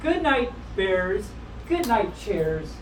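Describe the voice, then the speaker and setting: Reading storybooks to a live audience at a convention, a woman speaks in a mid-range voice that is very animated yet extremely slow. She pauses now and then to remark on the story with playful wryness. Captured from a distance in a roomy space, the recording carries clear background noise.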